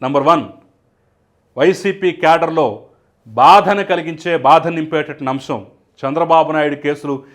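A man's voice: a little high, normal speed, pauses often, a bit bright. A man delivering solo political commentary, emphatic and full of rhetorical questions.

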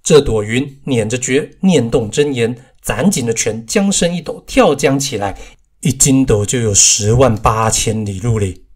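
A man's voice: mid-range voice, animated, measured pace, husky. A man playing a stern old Taoist master. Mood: instructive. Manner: commanding, scolding.

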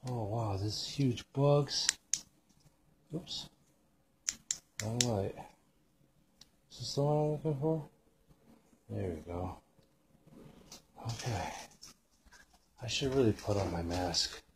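On location at an abandoned house, a man hosts an exploring video with casual, off-the-cuff commentary, muttered exclamations, and some swearing. His voice is lowish and slow with long pauses, and there is background noise.

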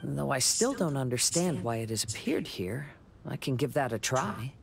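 A man voicing a calm, thoughtful young male wandering samurai in a video game, speaking in a measured way. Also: mid-range voice, creaky, noisy background.

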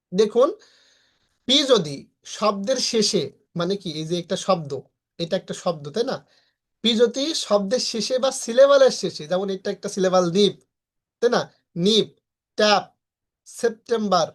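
Brief: online pronunciation teacher, patient and repetitive, slows right down on example words. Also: mid-range voice. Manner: patient, repetitive explaining with frequent check-ins; sounds words out slowly and stretches them. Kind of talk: recorded online class lecture.

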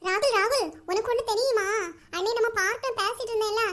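A woman's voice: very high-pitched, a little fast, a bit bright. A sweet young girlfriend.

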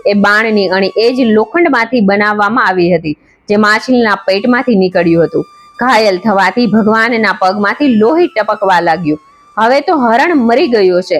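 A woman reading a devotional scripture story as narrator, in an even, measured storytelling delivery. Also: medium pitch.

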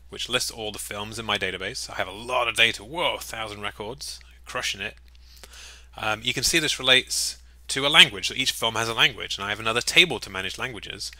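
A software walkthrough presenter demos a program as if recording his screen at his desk, relaxed and upbeat with jokey asides. His lowish voice is very bright and forward. The audio is close and dry with no room sound, faint mouse clicks beneath his speech.

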